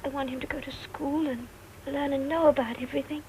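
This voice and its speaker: A wistful young castaway mother, soft and earnest in a 1940s film manner. Her voice sits high and light. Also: fairly even intonation, brisk, a little hiss or hum, poor audio. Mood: tearful. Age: young adult.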